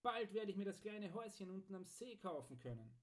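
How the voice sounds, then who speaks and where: A man's voice: high-pitched, sing-song, brisk, pitched above the performer's own voice. A man voicing a cheerful, proud blacksmith in an audiobook story. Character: cheerful, proud middle-aged male blacksmith. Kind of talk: audiobook character voice.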